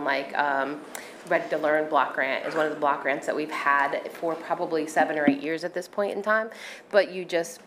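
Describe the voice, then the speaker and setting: A woman administrator answering questions at a public meeting in a matter-of-fact, explanatory way. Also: sits low. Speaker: school district administrator presenting. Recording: faintly noisy meeting room.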